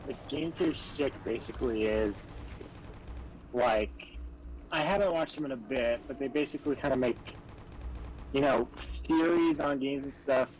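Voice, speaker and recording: A man's voice: mid-range voice, measured pace, pauses often, darkish tone, a little hiss or hum, low-quality recording. Hesitant young man, casual chat. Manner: hesitant, full of fillers. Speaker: podcast co-host.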